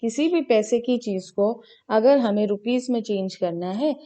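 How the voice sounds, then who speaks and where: A woman's voice: on the high side, moderate pace, dark tone. A woman teaching maths in an online video call class, checking in with "okay" after nearly every step and answering her own questions. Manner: repeats "ठीक है" often, mixes Hindi and English, asks and answers her own questions.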